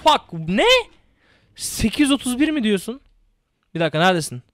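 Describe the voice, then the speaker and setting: A young man giving casual, excitable gameplay commentary, swearing and repeating words rapidly. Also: high-pitched, dry recording, studio quality.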